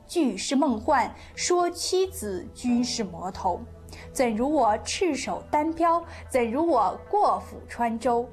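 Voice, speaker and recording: A woman's voice: on the high side, close to an everyday voice. A woman doing the mischievous monk Ji Gong. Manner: playful, mocking, sings a slow folk ditty. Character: mischievous eccentric male Buddhist monk, merry and teasing. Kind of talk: storytelling.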